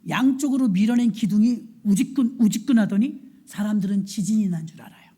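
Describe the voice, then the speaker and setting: A woman's voice: mid-range voice, fairly quick, dark tone, slightly rough. A woman pastor preaching a sermon, telling a story dramatically and asking the congregation rhetorical questions.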